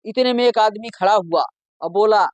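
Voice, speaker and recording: A man, a stand-up comedian, telling jokes to a judge in a chatty storytelling way, slowing down for the punchlines. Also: high-pitched, no echo, dull audio. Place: TV comedy stage with audience.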